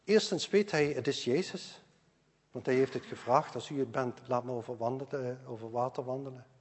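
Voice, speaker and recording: Older male preacher, husky voice, earnest and repetitive, long hall reverb. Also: medium pitch, fairly quick. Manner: earnest, repeats key phrases, swings between loud stresses and quiet asides. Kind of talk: sermon.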